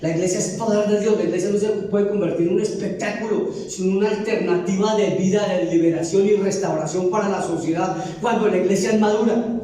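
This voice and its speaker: Man, pastor, fervent sermon, high voice, very roomy church sound. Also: steady tone, brisk, warm tone. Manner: fervent preaching, acting out Bible voices. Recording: very echoey church hall, mic at a distance.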